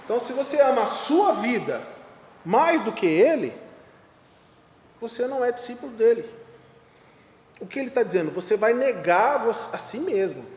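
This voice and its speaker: A Brazilian man with a notably high voice teaches a Sunday school Bible lesson. He leans hard on his points, repeats the key lines and keeps asking rhetorical questions. His voice rings around a roomy hall with a long, trailing reverb. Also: sing-song, normal speed, pauses often, darkish tone. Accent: Brazilian Portuguese. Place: church classroom or hall.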